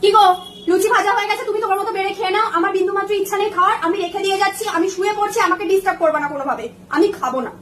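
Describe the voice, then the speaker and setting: A woman acts out a touchy young wife who takes offence at everything and pities herself loudly. Her voice sits very high and the words tumble out at a rapid clip. She sounds a little distant in a reverberant room over steady background noise. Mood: sulking. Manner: huffy, complaining, melodramatic. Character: sulking, touchy young wife, dramatic and self-pitying. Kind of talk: comic sketch acting.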